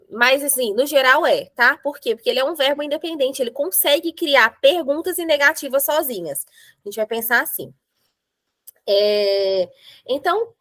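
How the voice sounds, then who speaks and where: Fairly high-voiced woman teaching grammar. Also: a bit bright, no echo, poor audio. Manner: explains step by step, slows to write examples. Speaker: English teacher.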